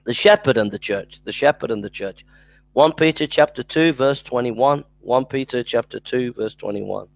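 A middle-aged male lecturer gives a recorded Bible lecture from a small room at home, his gravelly, mid-range voice captured dry on a headset mic. He moves at a moderate pace, earnest throughout, repeating scripture references and sometimes stumbling and starting over.

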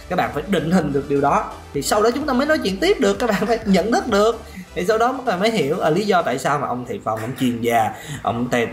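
A man teaching singing in a lively question-and-answer lesson, often chuckling and demonstrating voices. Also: fairly high pitch. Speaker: vocal coach. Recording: roomy room with faint music.

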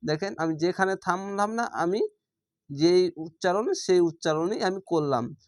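A man teaching how to recite a short chapter, stretching each verse slowly and then explaining the pronunciation rules. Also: high-pitched, a little mellow, no echo, clean studio sound. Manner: slow drawn-out recitation alternating with plain explanation. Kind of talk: tajweed lesson for learners.

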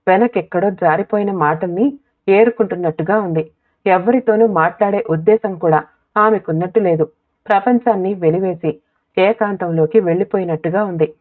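Low-voiced woman reading a story. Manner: steady, measured reading. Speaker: audiobook narrator. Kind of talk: scripted story narration. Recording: tinny phone-like audio.

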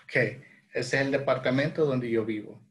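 Speaking at a medium pitch with a Salvadoran Spanish accent, a thirtysomething man from El Salvador runs a bilingual English lesson in a small room at home. He repeats phrases slowly and then translates them into Spanish.

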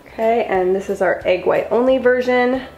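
A woman's voice: a little high, normal speed, darkish tone, reverberant, lo-fi sound, soft background music. A young woman vlogger talking through her cooking steps in a chatty, upbeat voice-over. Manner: upbeat, chatty, step-by-step instructions. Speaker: lifestyle vlogger. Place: home kitchen.

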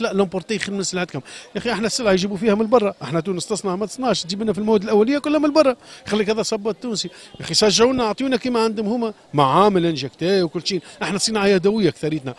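His voice sits high. He is a Sfax shoemaker with a Tunisian Arabic accent, speaking in a street interview where he passionately and agitatedly complains, repeats his questions and pleads.

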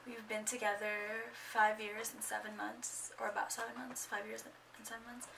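A woman's voice: on the high side, level tone, moderate pace, vocal fry, bright, forceful tone, recorded from a distance, slight background noise, rough recording. A young woman in her twenties chatting casually in a get-to-know-me vlog at home, rambling and a bit awkward, full of fillers. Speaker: vlogger. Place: at home indoors. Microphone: camera microphone.

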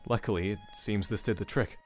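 A man's voice: fairly low pitch, fairly even intonation, a little fast, darkish tone, close to an everyday voice. A man voicing the Phantom of the Opera, a reserved, courteous ghostly man who speaks formally. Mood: restrained. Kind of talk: fan audio drama acting. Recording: dry close mic with faint music.

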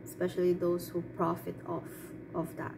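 A woman's voice: on the low side, completely flat delivery, moderate pace. A woman giving her opinions in a casual, off-the-cuff monologue, hesitant and rambling as she thinks aloud. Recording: clearly noisy background.

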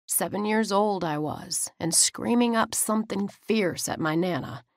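A woman's voice: medium pitch, measured pace, no echo, clean studio sound. A woman with a drawl, narrating an audiobook in first person in a folksy way.

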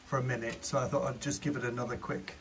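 Here a man with a mid-range voice talks fast and flatly, hesitantly thinking out loud while casually reviewing a drone in a demo. Rain falls on the garden patio where he stands, and background noise is clearly audible in this outdoor recording.

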